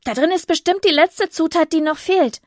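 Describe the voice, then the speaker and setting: A woman's voice: very high-pitched, moderate pace, a little mellow, no echo, clean studio sound, voice pushed up. A woman doing a spirited young witch girl. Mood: determined. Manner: spirited, chanting rhymes. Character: bold young witch girl casting rhymed spells.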